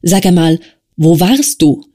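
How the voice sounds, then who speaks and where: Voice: medium pitch, lively intonation, a little slow, mellow. A reader voicing a boisterous young man who teases his friend gleefully in an audiobook. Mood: teasing. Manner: teasing, gleeful. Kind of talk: audiobook character voice.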